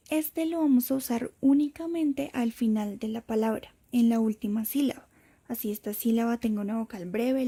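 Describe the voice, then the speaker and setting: A teacher narrates a prepared lesson slowly and carefully, spelling out each point for her students. Her voice is slightly high yet mellow and soft, with a breathy edge throughout.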